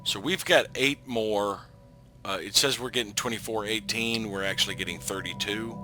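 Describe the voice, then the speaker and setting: A man with a fairly low voice talks through a strategy game as the host of a let's play. He thinks out loud in a relaxed, casual way and often pauses on an "uh" or "um" before going on. Game music plays clearly behind him. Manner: thinks aloud, trailing off with frequent ums. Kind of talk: casual gameplay commentary.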